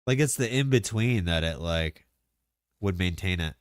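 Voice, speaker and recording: A man streaming live, chatting casually and excitably about game mechanics, rambling with lots of filler words. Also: low-pitched, moderate pace, clear, resonant tone, no echo, studio quality.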